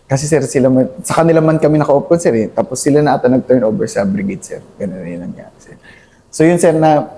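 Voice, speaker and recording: A mid-range, expressive voice with vocal fry and a dark tone moves at a quick pace, with a little hiss or hum on the recording. It belongs to a young Filipino army captain who hesitantly recounts his service in an interview, using many fillers and deferentially saying "sir" almost constantly.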